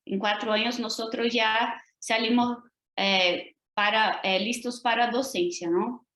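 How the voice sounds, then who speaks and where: A guest lecturer from Brazil, a woman whose first language is Portuguese, delivers an academic talk over a video call that sounds roomy. Her voice is a little high and a bit bright, with fairly even intonation and an unhurried delivery. She speaks with a Brazilian Portuguese accent, paces things carefully, and frequently uses tag questions to check in.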